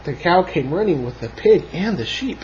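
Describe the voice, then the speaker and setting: A man reading a children's picture book aloud in an expressive, sing-song storytelling voice at home. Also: a little high, moderate pace, dull audio, slight background noise.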